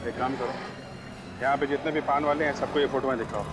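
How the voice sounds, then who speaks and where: An actor playing a brisk, commanding police investigator in a Hindi TV crime drama. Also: male voice, medium pitch, steady tone, natural voice. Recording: music behind the voice.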